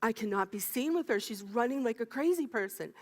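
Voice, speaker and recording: An embarrassed woman friend out jogging, as a woman preacher puts her on turns hushed and low to mock her running partner. Her high voice rolls through a reverberant sanctuary. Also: lively intonation, a little fast. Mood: disdainful.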